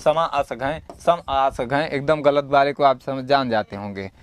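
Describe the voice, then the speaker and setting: A male Sanskrit teacher works through a model exam paper, reading Sanskrit lines aloud and explaining them in plain Hindi. His voice is medium-pitched and clean, at a moderate pace. He keeps asking the class questions and answering them himself, homely and encouraging, with everyday comparisons.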